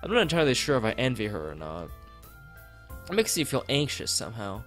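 With a mid-range, slightly bright voice whose pitch swoops wildly, a man briskly reads out a visual novel while streaming, breaking in with casual asides. He frequently stumbles and repeats phrases over background music.

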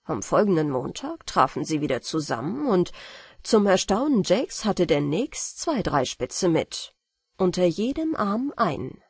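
A woman reads a bedtime fairy tale aloud in a calm, unhurried way. Her soft, breathy voice moves through a lively pitch range. The recording is dry and close to the mic. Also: no room sound. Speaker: audiobook reader.

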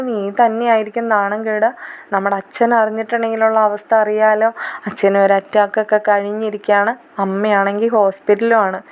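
A woman voicing an indignant older sister who scolds her younger sibling in a sharp, reproachful manner. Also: medium pitch, smooth, natural voice.

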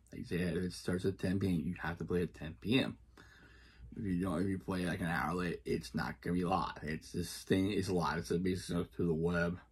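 A young man hosts a casual reaction video in a low and very rough, husky voice. His pitch moves around in a lively way, and his phrasing is halting and repetitive. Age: young adult. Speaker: YouTube reaction video host. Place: small indoor room at home.

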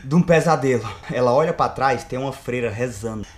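A young man, a comedian vlogger retelling a horror movie in an animated way, with sudden shouts and hushed asides. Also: medium pitch, brisk. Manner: animated, shouting bursts, swings between loud and hushed.

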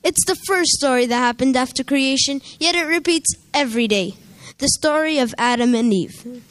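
A young woman playing Jesus in a church play, speaking calmly and reassuringly in recited lines. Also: high voice, moderate pace, no echo. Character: Jesus, calm gentle male savior.

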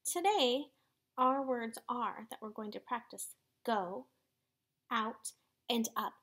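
A woman teacher hosting a children's story time, reading aloud in an animated, sing-song way and sometimes dropping to a whisper. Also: a little high, slow pace.

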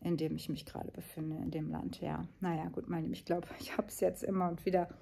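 A woman's voice: on the low side, level tone, brisk, creaky, mellow. A woman in her fifties talking casually and earnestly in a travel vlog, with many fillers and restarts. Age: 50s. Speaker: vlogger.

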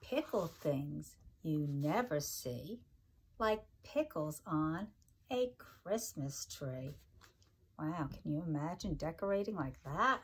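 Reading a picture book to young children in a kitchen-like room indoors at home, this middle-aged teacher speaks in a low, breathy-edged voice with lively intonation. Her slow, deliberate, sing-song reading is expressive and broken up by chatty asides.

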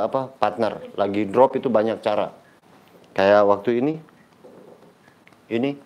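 A middle-aged man, a badminton coach telling stories to teach his players and acting out the dialogue as he goes. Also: lowish voice. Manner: lively storyteller acting out quoted dialogue. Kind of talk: casual coaching talk with anecdotes.

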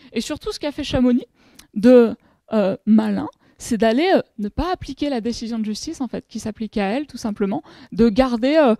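A French woman in her thirties presents at a panel table during an academic conference, explaining things with frequent hesitations and restarts. Her voice is a little high and mellow, with no echo.

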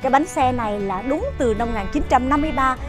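With music in the background, a woman hosting a travel show leads a walking tour to camera through a farm market outdoors and into its shop. She talks chattily at a quick pace in a high voice, sprinkling in "ờ" fillers and addressing viewers as "quý vị".

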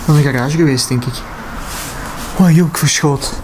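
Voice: medium pitch, moderate pace, background noise. Flemish explorer thinking aloud. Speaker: urban explorer. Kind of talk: casual exploring commentary. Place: indoors, abandoned house.

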